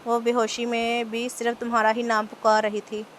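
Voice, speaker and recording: A woman reading the lines of a bossy but affectionate older mother-in-law in a storybook novel, in a flat, even reading voice. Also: fairly high pitch, moderate pace, a little hiss or hum, lightly acted. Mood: fond.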